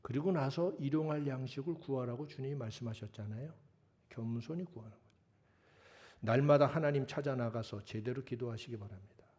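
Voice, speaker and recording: A man's voice: mid-range voice, fairly quick, a little mellow. A middle-aged male pastor preaching a sermon in a conversational, scolding and joking way, acting out prayers. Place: church sanctuary.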